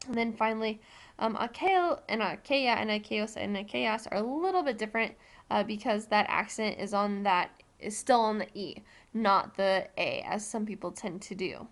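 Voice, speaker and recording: An American woman Spanish teacher giving a recorded classroom lesson, explaining patiently step by step with frequent ums. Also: mid-range voice.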